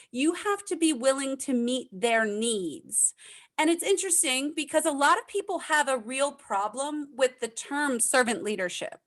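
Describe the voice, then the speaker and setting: Emphatic American woman guest, high voice, conversational. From United States. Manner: emphatic, repeats points for effect. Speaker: podcast guest, leadership consultant. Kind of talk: casual interview chat.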